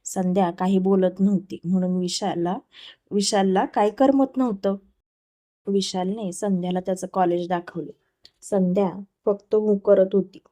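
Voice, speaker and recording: A woman storyteller reading a romance story aloud in a calm, even manner. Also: mid-range voice, unhurried.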